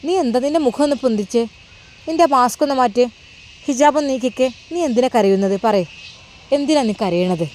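A woman's voice: on the high side, a little fast, darkish tone, a little hiss or hum, natural voice. A woman voicing a young woman friend who coaxes and presses insistently. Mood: coaxing. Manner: coaxing and insistent.

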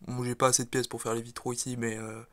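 A man giving a relaxed, hesitant walkthrough of his model build, with many fillers and restarts, filming on a handheld camera. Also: mid-range voice, fast. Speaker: video creator presenting his model build. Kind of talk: casual walkthrough commentary.

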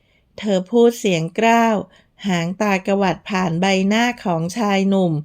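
A woman narrating a romance novel aloud from a script. She reads slowly and evenly, at a measured pace. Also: mid-range voice, darkish tone. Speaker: audiobook narrator.

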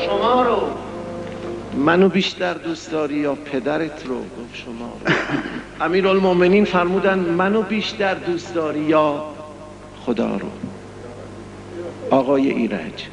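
High, fervent male reciter over music. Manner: fervent, declamatory, pleading. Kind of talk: emotional poetry recitation and storytelling. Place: live religious gathering.

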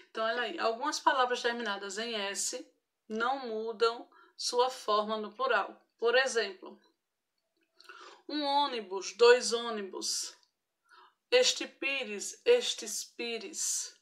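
A woman's voice: a little high, fairly bright tone. A woman with a Brazilian accent, teaching an online grammar lesson to primary school children, patient and careful, checking in often with short tag questions. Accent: Brazilian Portuguese. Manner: patient, frequent tag questions, spells out each example.

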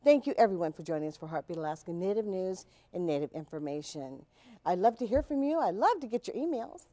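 A middle-aged woman hosting a television news show, speaking in a lively broadcast style with a lapel mic in a studio. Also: on the low side, quick pace. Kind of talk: broadcast presenting.

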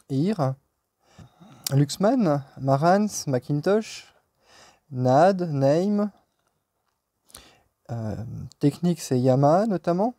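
A man's voice: on the high side, dark tone. Hesitant man listing hi-fi brands. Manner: lists brands with frequent hesitations. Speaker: shop owner presenting an open house. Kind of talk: casual presentation to camera. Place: hi-fi showroom with stone walls, indoors.

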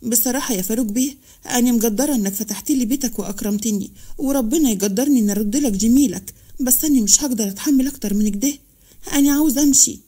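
A woman's voice: on the high side, very fast, lightly acted. A woman voicing a proud, defiant young orphan woman, with an Egyptian accent, in a narrated story. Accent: Egyptian Arabic. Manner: defiant and sharp-tongued.

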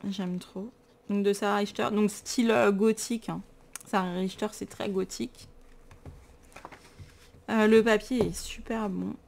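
A tired woman with a French accent chats about her books in a vlog, steady in tone and unhurried, her medium-pitched, slightly mellow voice showing vocal fry and long pauses. She stays enthusiastic and self-mocking as she shows them off, over slight background noise.

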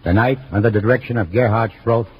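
A man announcing in a measured, polished 1940s radio style, heard through an old broadcast recording. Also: on the low side. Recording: muffled old radio broadcast with faint hiss.

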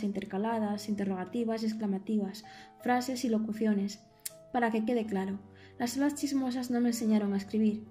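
A woman reading an audiobook, in a measured storytelling manner. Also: on the high side, dark tone. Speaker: audiobook narrator. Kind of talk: scripted audiobook narration.

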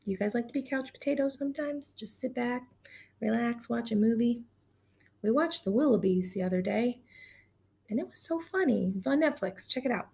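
This thirtysomething woman's voice is higher than average, gravelly yet mellow, moving at an ordinary pace. She's leading an online lesson, counting beats and cheerfully reading a picture book, picked up by a video-call webcam in a small room.

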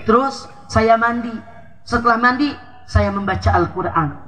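A man voicing a proud top male student who calmly explains his habits in a lecturing way. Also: very high voice, measured pace, exaggerated voice. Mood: explaining.

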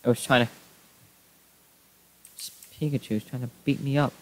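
A young man giving casual gameplay commentary, excitable, yelping when things go wrong. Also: mid-range voice, normal speed. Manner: excitable, yelps and shouts when startled. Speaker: Minecraft YouTuber.

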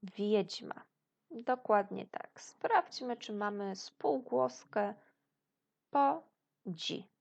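Polish woman teacher, slow and gravelly, patient lesson for small children. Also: mid-range voice, darkish tone, dull audio. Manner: praises pupils' imagined answers. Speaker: primary school teacher. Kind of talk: recorded video lesson for children.

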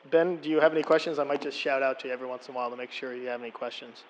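A man's voice: medium pitch, level tone, rapid-fire, low-quality recording. A middle-aged man presenting to a borough council in a meeting room, explaining plainly with frequent ums and restarts, speaking at a podium microphone.

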